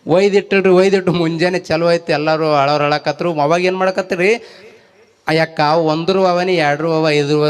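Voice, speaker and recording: A man with a North Karnataka Kannada accent doing folk stand-up comedy, telling lively rhyming anecdotes to his audience. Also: on the high side. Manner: lively storytelling, rhyming wordplay, jumps into quoted voices; talks straight to a laughing audience. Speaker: stage comedian.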